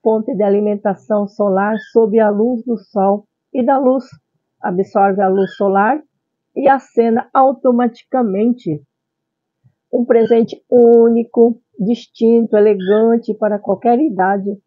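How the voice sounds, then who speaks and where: Cutesy slow-talking Brazilian woman. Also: on the high side, fairly even intonation, no room sound, phone-quality sound. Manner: cutesy, exclamatory, sprinkles Japanese phrases. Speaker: channel host. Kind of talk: vlog product showcase. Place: small tiled room at home.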